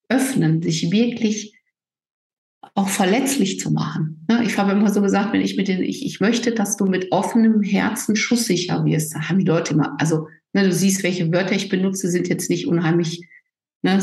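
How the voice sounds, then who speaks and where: A woman's voice: lowish voice, darkish tone, echoey room, rough recording. A woman coach talking emphatically in a casual interview, often ending her points with a tag question.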